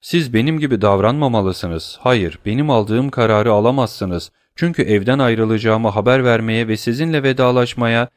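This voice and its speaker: A man's voice: mid-range voice, normal speed, hardly any pauses, no room sound, clean studio sound, close to an everyday voice. A man voicing a proud young nobleman, speaking earnestly and with firm resolve. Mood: resolute.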